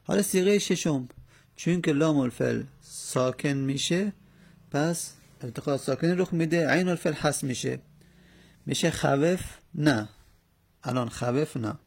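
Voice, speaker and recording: A man teaching a grammar lesson, explaining slowly step by step with many pauses and fillers. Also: fairly high pitch, gravelly, breathy edge.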